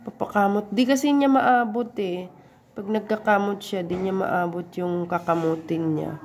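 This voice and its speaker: A woman's voice: mid-range voice, darkish tone. A woman vlogging casually and cooing in baby talk to a small pet dog. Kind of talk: casual vlog chat.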